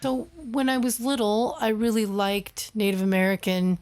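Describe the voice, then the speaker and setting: A woman's voice: a little high, steady tone, normal speed, a little mellow. A woman co-hosting a podcast in casual chat, reflective and a little hesitant, restarting as she thinks aloud. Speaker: podcast co-host.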